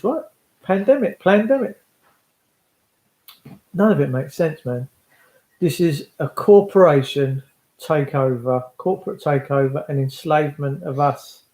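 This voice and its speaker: English male livestreamer, mellow highish voice, impassioned political monologue, emphatic repetition, roomy echo. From England. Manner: emphatic, repeats phrases for weight. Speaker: livestream host addressing followers.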